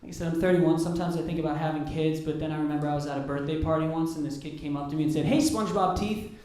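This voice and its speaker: A man's voice: a little high, little pitch movement, rapid-fire, dark tone. A man in his thirties performing a stand-up comedy set, sardonic and self-deprecating, swearing freely. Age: 30s. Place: comedy club stage. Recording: echoey comedy club room.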